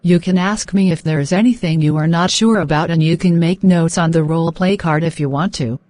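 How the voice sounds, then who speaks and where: A woman's voice: lowish voice, brisk, dark tone. A woman working as a speaking test examiner, reading out scripted questions and instructions in a polite, formal way.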